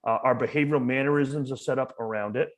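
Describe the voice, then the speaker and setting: A museum educator from Maine, speaking fast in a mid-range voice, appears as a guest in a casual conversational podcast interview. He's passionate and emphatic, often repeating words as he builds a point.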